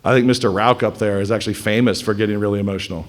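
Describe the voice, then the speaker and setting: Blunt, animated male lecturer. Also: fairly low pitch, very fast. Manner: blunt, animated, mocking quoted voices. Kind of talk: lecture to a live class. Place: classroom or hall with audience.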